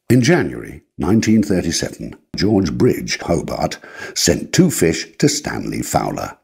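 A man narrating a historical documentary in a measured, formal way. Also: deep voice, gravelly, darkish tone, breathy edge.

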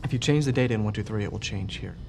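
A young man demonstrating software in an office, explaining step by step with hesitant fillers. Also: fairly low pitch, rapid-fire, vocal fry, a little hiss or hum. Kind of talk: product demonstration. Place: indoor office.

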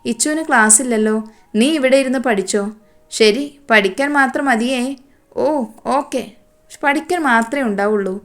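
A woman reading a romance story aloud, speaking all the characters' lines in her own voice and moving quickly between narration and dialogue. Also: a little high.

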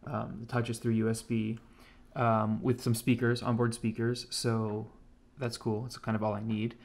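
Sitting indoors at his home computer desk, a man with an American accent casually demonstrates his hobby electronics project. He speaks at a normal speed in a fairly low, level voice with vocal fry.

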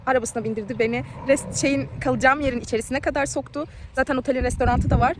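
A woman vlogging about a trip, telling a mishap story in a lively way and acting out what people said. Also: high voice, fast, slight background noise. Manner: animated, tells a mishap story with quoted dialogue. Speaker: travel vlogger. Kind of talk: casual travel vlog storytelling.

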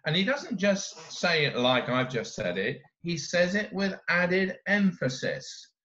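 Slow, deliberate male lay preacher. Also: sits high, big pitch swings, pushed and bright, lo-fi sound. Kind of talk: sermon.

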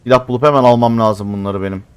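A man's voice: mid-range voice, fairly even intonation, rapid-fire, smooth. A man giving casual live commentary on a mobile shooter game, grumbling to himself and flaring into exasperated outbursts.

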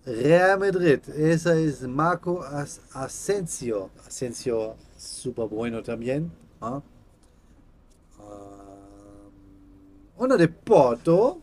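A man in his thirties, a native German speaker with a German accent, chatting casually in halting, simple non-native Spanish as a vlog host. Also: on the high side, very animated, a little mellow, a little hiss or hum. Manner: halting, simple broken phrasing. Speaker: host of a card-opening channel. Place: small room indoors.

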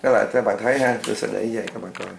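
A man's voice: fairly low pitch, steady tone, very fast, creaky. A man teaching a beginner organ lesson, patiently counting beats and chanting note names. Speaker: music teacher. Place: music classroom indoors. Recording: echoey room with organ playing.

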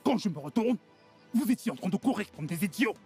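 Domineering gang boss, highish husky voice, emphatic scolding, dubbed film drama. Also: male voice, lively intonation, fairly quick, warm tone, faint music behind, full character voice. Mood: angry scolding. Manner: scolding, emphatic, repeats himself. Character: domineering, indignant male street gang boss.

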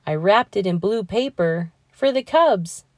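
A woman's voice: medium pitch, lively intonation, a little slow, no echo, close to an everyday voice. An earnest young schoolboy from a picture book, read by a woman. He speaks eagerly and sincerely, in a plain way, with a dry, close sound. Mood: relieved, sincere. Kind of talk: children's storybook character reading.

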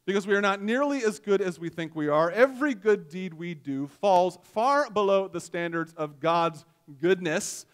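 High-voiced male pastor preaching conversationally. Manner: conversational, self-deprecating storytelling with gestures. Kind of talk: sermon. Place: church stage, indoors. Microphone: headset mic.

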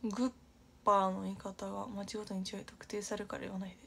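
A woman's voice: mid-range voice, little pitch movement, quick pace, gravelly, fairly bright tone, slight background noise. A young woman from Aichi hosting a casual livestream, chatty and giggly, reading viewer comments aloud and often dropping to a near-whisper. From Aichi, Japan. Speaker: idol livestream host.

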